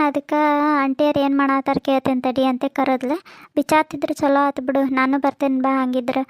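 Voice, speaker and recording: A woman's voice: sits high, a little mellow, dry recording, clean studio sound. A woman with a North Karnataka accent voicing chatty, homely village family talk for a cartoon comedy. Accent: North Karnataka Kannada. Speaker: cartoon voice artist.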